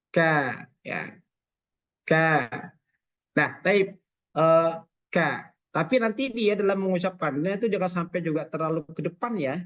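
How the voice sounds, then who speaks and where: Slow, patient man teaching pronunciation. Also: fairly high pitch. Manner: patient, repeats sounds slowly to demonstrate. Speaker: Quran recitation teacher. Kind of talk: online pronunciation lesson. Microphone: video call microphone. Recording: dull lo-fi online call audio.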